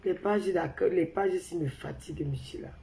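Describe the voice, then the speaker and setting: Down with the flu, a woman from Cameroon rants hotly and over and over at her livestream audience from her phone. Her voice is low-ish with vocal fry at normal speed, in a roomy space thick with background noise.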